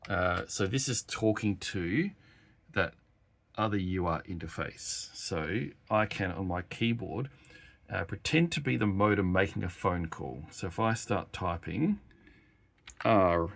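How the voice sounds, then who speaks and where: A developer gives a casual live technical demo, thinking aloud hesitantly as he works and types. His low voice is animated and has vocal fry, and he takes things slowly. Keyboard typing and clicking at a workbench fill the noisy room.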